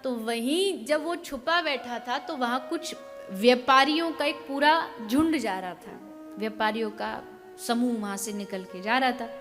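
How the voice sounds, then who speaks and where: A woman preacher giving a devotional sermon, telling a story in an animated way and acting out the dialogue. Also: fairly high pitch, unhurried, in a large hall, over music.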